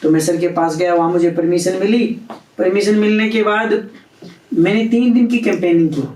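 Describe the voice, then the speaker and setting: High-voiced man telling a story. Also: normal speed. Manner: animated storyteller acting out quoted dialogue. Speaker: interview guest. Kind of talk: storytelling in an interview. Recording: roomy, distant from the mic.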